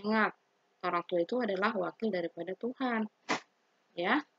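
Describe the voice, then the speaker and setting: A woman's voice: medium pitch, normal speed, noisy background. A woman religion teacher giving a recorded lesson to children, patient and repetitive, often checking in with them. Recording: dry, dull lo-fi sound.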